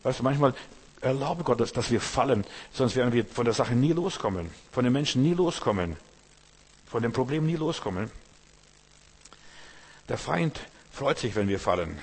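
A man's voice: medium pitch, lively intonation, normal speed, long pauses, husky. A man preaching a sermon, speaking pastorally and directly to the listener with rhetorical questions. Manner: acts out quoted voices of troubled believers.

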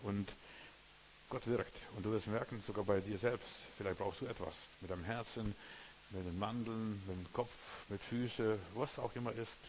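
A man's voice: lowish voice, steady tone, normal speed, slight background noise. A man preaching a sermon. He speaks straight to the listener and builds his points from repeated, parallel phrases.

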